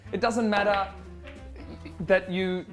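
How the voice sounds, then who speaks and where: A man's voice: high voice, fairly even intonation, slow pace, soft background music. A man hosting a casual chat, asking earnest, probing questions in an indoor games room. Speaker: host.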